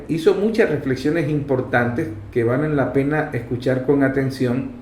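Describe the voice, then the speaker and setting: A Venezuelan man with a fairly high, darkish voice hosts a radio political commentary program, speaking Venezuelan-accented Spanish. He's emphatic and didactic, repeating key phrases, and the recording has roomy echo with faint background noise.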